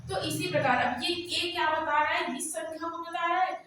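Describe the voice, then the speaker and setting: A woman teaching a math lesson who keeps asking questions and answering them herself, drawing out formulas slowly as she dictates them. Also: very high-pitched, fairly even intonation, a bit bright, a little hiss or hum. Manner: slow, drawn-out dictation of formulas. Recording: very echoey room, voice from far off.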